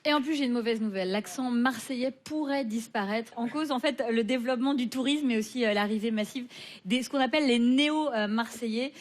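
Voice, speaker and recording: A woman's voice: on the high side, fairly quick. A woman co-hosting a television game show, welcoming guests and presenting segments. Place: television studio with audience.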